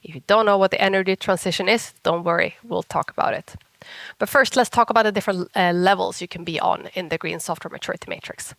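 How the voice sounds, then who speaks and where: A woman with a Swedish accent gives an informal conference talk in a husky whiskey voice roughened by a cold, chatty and self-deprecating. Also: fairly low pitch, fast, a bit bright, dry recording. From Sweden. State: sick with a cold. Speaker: conference speaker, software engineer.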